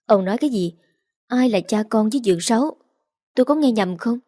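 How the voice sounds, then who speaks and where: A woman reading the part of a worried middle-aged mother who gives calm, firm advice. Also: on the high side, brisk, no echo, studio quality. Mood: startled.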